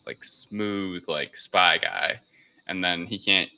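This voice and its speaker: This man speaks slowly in a low, fairly even voice whose tone is bright, forceful and clean. As a panelist on a film-review podcast he chats casually but hesitantly, leaning heavily on fillers like "like" and "you know."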